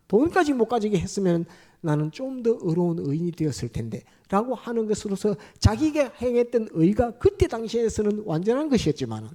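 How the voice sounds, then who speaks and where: Dramatic preacher, high mellow voice. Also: male voice. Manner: leads the congregation in call-and-repeat phrases; acts out prayers and shouted lines in a dramatic preaching style. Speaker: pastor. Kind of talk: sermon.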